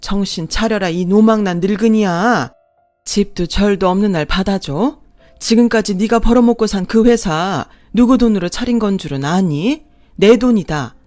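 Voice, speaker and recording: A woman voicing a long-suffering mother-in-law who speaks with a forceful, cutting, defiant manner. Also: medium pitch, moderate pace, faint music behind, close to an everyday voice. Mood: fierce.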